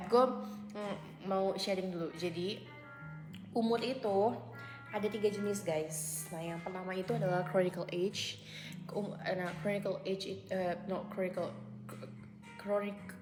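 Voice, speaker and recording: Talking to the camera in an echoey room at home, this twenties-aged vlogger has a mid-range, somewhat dark voice. She's casual and chatty, leans on fillers, and frequently drops into English phrases.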